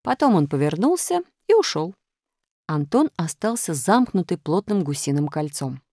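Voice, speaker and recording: Expressive woman reading a children's story. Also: on the low side, normal speed, no echo, studio quality.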